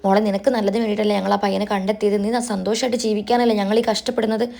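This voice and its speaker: A woman's voice: mid-range voice, flat delivery, rapid-fire, creaky, mellow, close to an everyday voice. A woman voicing a domineering middle-aged mother who scolds and pressures her daughter, in a retold TV serial. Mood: pleading.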